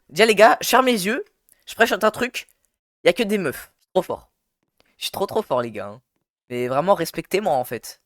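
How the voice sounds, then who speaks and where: A man's voice: a little high, fairly bright tone, no room sound, clean studio sound. A young man giving casual, playful gameplay commentary, teasing and slangy, talking straight to his viewers. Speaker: gaming YouTuber. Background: faint background music.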